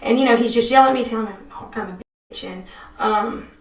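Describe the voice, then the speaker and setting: A woman's voice: fairly high pitch, quick pace, distant mic. A woman being questioned by detectives, rambling anxiously with many restarts. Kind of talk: police interview statement. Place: police interview room. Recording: echoey room, speaker off-mic.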